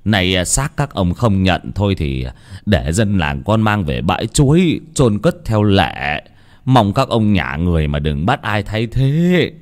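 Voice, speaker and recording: A man voicing an older, gruff, superstitious village dike keeper who stammers when shouting and prays in a low, solemn tone. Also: sing-song, unhurried. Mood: reverent.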